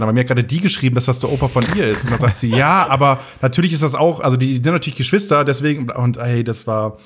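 A young man from East Frisia with a North German accent, telling rambling, slangy anecdotes as a podcast co-host. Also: mid-range voice. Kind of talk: casual anecdotal podcast chat.

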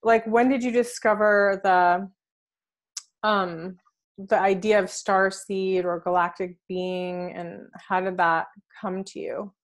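A woman's voice: mid-range voice, steady tone, takes it slowly. A woman hosting a casual spiritual interview, eager and affirming, often laughing along. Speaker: host.

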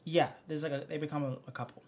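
A man's voice: fairly high pitch, fairly even intonation, fast, a little mellow. A young man hosting a podcast in casual chat, summarizing loosely and hedging with many fillers. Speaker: podcast host.

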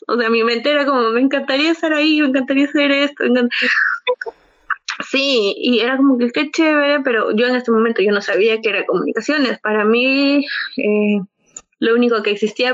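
A young woman recounts a personal story in a casual chat, her voice sitting a bit high. She tells it with animation, reliving moments with bursts of excitement. The recording is dry and somewhat dull, like a lo-fi mic. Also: dry recording. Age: young adult.

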